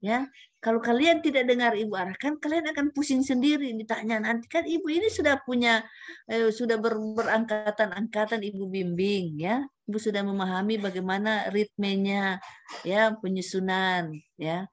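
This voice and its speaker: A woman's voice: medium pitch, moderate pace. A woman mentor guiding trainees in an online session, chatty, tagging many sentences with a questioning "ya". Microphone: camera at a computer.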